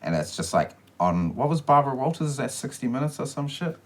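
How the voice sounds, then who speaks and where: A man's voice: medium pitch, very animated, quick pace. A man co-hosting a casual podcast, rambling through stories and swearing freely over a beer. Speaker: podcast co-host. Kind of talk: casual chat.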